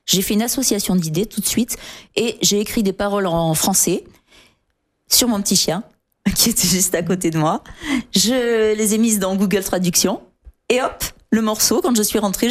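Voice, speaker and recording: A woman musician is a guest on a radio show. She tells stories about writing and recording her songs. Her delivery is easygoing, with small pauses and fillers. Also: mid-range voice. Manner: relaxed storytelling with fillers. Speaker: singer and guitarist guest. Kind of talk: casual radio interview.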